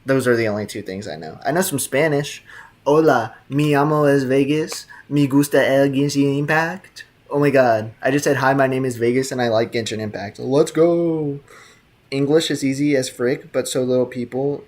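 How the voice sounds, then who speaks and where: Reading live chat during a video game stream, a young man talks to viewers casually, with lots of slang and laughter. His voice is mid-range, with fairly even intonation and a moderate pace.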